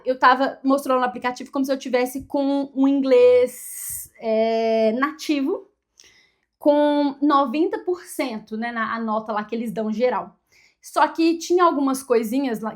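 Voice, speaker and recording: A high-pitched woman with a Brazilian Portuguese accent talks casually to her viewers from her desk. She thinks out loud as she goes and keeps checking in with the audience through little tag questions. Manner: chatty, thinking aloud with frequent tag questions. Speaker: vlogger. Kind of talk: casual chat to camera.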